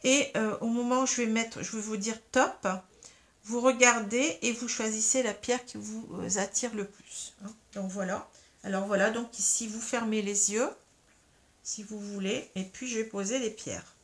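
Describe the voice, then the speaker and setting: A woman's voice: on the high side, steady tone, normal speed. A woman giving a tarot reading to her viewers, explaining each step patiently and often adding small fillers as she goes. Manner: patient, explains step by step, frequent "hein" and "euh". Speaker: tarot card reader. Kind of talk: guided tarot reading to camera.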